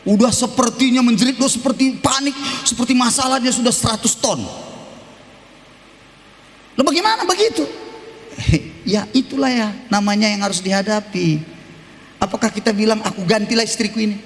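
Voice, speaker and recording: A male pastor preaching an animated Sunday sermon, emphatic, breaking into shouted exclamations and humor, in a church hall. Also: very high-pitched, normal speed, long pauses. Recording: reverberant hall with faint background noise.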